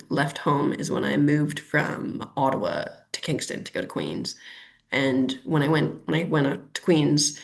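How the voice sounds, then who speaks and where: This is a webinar interview guest, a Canadian urban planner in her thirties, whose voice is deep and gravelly. Her talk is chatty and exploratory, with frequent ums and false starts.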